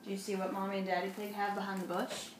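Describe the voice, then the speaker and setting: This young storyteller and craft presenter talks fast in a medium-pitched, flat voice while reading and giving simple instructions to children, often posing questions to the listener. The noisy, roomy phone recording was made indoors in her home dining room.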